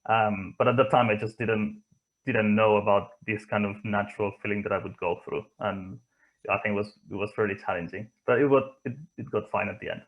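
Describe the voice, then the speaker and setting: A low-voiced man with a Spanish accent, a motorsport engineer from the Barcelona area whose first language isn't English, gives reflective answers in an interview. His tone is steady, and he pauses often in a hesitant, thoughtful way. The high frequencies are cut off in the audio.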